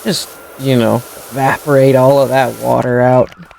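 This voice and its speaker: A woman's voice: a bass voice, level tone, normal speed, creaky, a little mellow, a little hiss or hum, rough recording. A woman streaming a game, muttering dry sarcastic remarks and playfully meowing now and then. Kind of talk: casual gameplay commentary.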